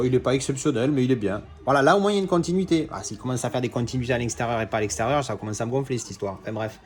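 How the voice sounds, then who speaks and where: A man, chatting excitedly through an unboxing, full of fillers and self-corrections. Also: medium pitch, slight background noise. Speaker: collector unboxing discs. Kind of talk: casual unboxing vlog.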